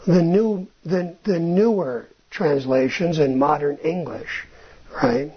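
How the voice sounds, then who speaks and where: With a husky, medium-pitched voice, this Bible teacher talks casually and checks in with listeners through a questioning "right?" after his points. He restarts phrases and thinks out loud, all captured in dull lo-fi audio.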